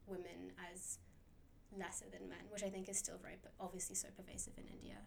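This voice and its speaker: A woman's voice: fairly low pitch, monotone, fast, creaky, darkish tone, a little hiss or hum. A young woman in casual conversation as a guest, reflective and full of "like" and "um". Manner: reflective, many fillers like "like" and "um".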